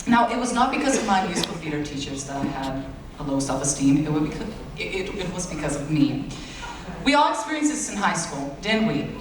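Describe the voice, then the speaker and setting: A late-teen valedictorian, a native Bulgarian speaker, gives an earnest, self-deprecating graduation speech full of playful asides, brisk and sing-song. An audience camera far back in a large school auditorium catches his voice booming through the reverberant hall over a faint hum.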